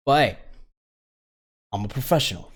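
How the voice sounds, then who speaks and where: A man voicing a smooth-talking, crude male smuggler with a put-on accent and a sly, salesman-like manner. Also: mid-range voice, expressive, moderate pace.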